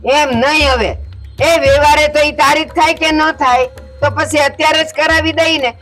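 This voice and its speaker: A woman's voice: sits high, fairly even intonation, normal speed, fairly bright tone, faint music behind. An older woman, acting as a scheming, scolding mother-in-law in a village family drama. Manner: scolding, domineering.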